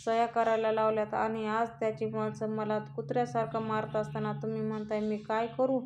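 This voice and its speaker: A woman's voice: a little high, a little fast, a little hiss or hum, close to an everyday voice. Woman reading as an angry threatening young man. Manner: loud, flat monotone reading. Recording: dull lo-fi recording.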